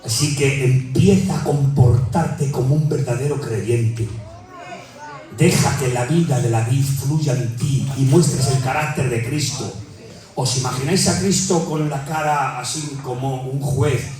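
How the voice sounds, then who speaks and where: A man from Spain with a Peninsular Spanish accent preaching a sermon, fervent and repetitive, often climbing to near-shouting and calling out to the congregation. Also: mid-range voice, unhurried. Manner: fervent, rises to near-shouting, repeats "hermanos". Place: church hall. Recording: very echoey hall, mic far off, faint music.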